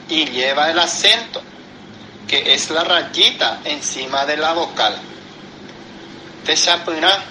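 A man teaching a grammar lesson, explaining step by step in a slow, deliberate way. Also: a little high, sharp tone, a little hiss or hum, rough recording.

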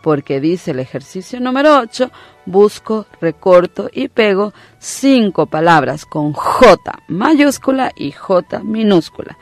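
A radio teacher leads a slow, patient phonics lesson for children, spelling out letters and syllables and repeating them. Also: medium pitch, sing-song, no room sound, soft background music.

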